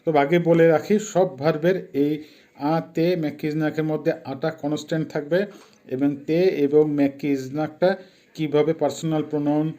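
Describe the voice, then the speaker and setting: A man's voice: on the high side, warm tone. A man giving a step-by-step language lesson over a screen, saying each word and then repeating it for the learner. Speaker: language teacher.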